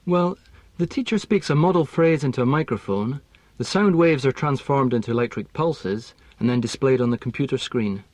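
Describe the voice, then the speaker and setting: Measured man explaining a lesson. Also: mid-range voice, a little mellow, no echo. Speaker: language teaching expert.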